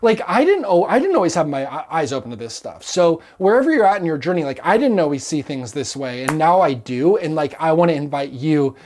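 A man's voice: a little high, sing-song, fairly quick, few pauses, a little mellow, slight background noise. Earnest man preaching to camera. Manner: earnest, emphatic, gesturing widely. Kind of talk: impassioned teaching to camera. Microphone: lapel mic.

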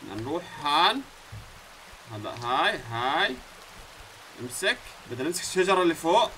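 A man with a Levantine Arabic accent plays through a game and talks over it. His voice is very bright and a little high, and he jumps between muttering to himself and sudden outbursts at the screen. A faint hiss sits under the recording. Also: rough recording. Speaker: gaming YouTuber. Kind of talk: let's-play commentary.

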